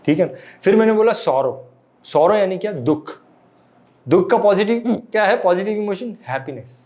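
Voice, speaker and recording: A man's voice: sits high, expressive, normal speed, a little mellow. A man lecturing a live class, often quizzing his listeners and mixing in English phrases. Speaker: meditation and emotions teacher.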